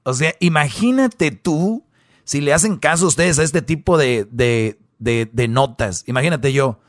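A man's voice: on the high side, lively intonation, unhurried, no room sound, clean studio sound. A man hosting a comedy radio show, talking in a mocking, wisecracking way.

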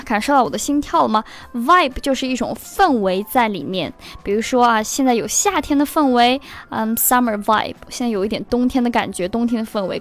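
A woman teaching English through song lyrics, slowing down to repeat and spell out words. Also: fairly high pitch.

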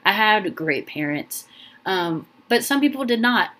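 A woman's voice: medium pitch, sing-song, a little slow, a bit bright. A young woman hosting a casual solo podcast, rambling and heartfelt, full of ums and restarts, sounding emotional and close to tears. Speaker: podcast host.

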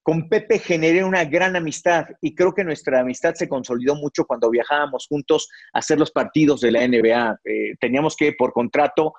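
A man's voice: on the high side, a little fast, few pauses, dry recording. A middle-aged man, a sportscaster guest recalling his career in an interview, with frequent fillers and restarts. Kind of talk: reflective interview storytelling. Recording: dry, slightly dull recording.

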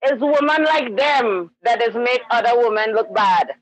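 A woman's voice: on the high side, normal speed, poor audio. A woman calling in to a talk show, earnestly giving her sympathetic view. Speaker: caller. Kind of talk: call-in radio commentary.

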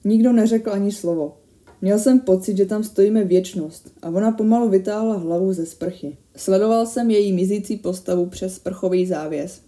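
A woman narrates a first-person horror story in a very dark, mellow voice. Her reading is steady and measured. It tightens with tension at the frightening moments, at a middling pitch.

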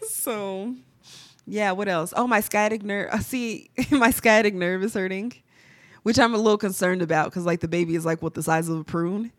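A woman's voice: medium pitch, normal speed, no echo, clean studio sound. A young adult woman with a stuffy nose, chatting casually and candidly as a podcast co-host, often giggling and swearing. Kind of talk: casual personal chat.

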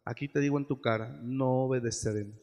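A man preaching a sermon as pastor, acting out quotes and rising to shouted peaks. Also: medium pitch, steady tone, quick pace. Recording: long hall reverb.

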